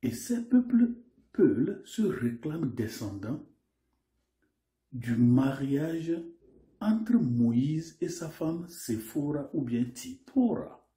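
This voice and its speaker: A man's voice: fairly high pitch, very animated, slow pace, warm tone. A man giving a spoken lecture, asking rhetorical questions again and again and sometimes dropping to a near-whisper. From Mali. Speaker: lecturer on names and history. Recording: roomy echo.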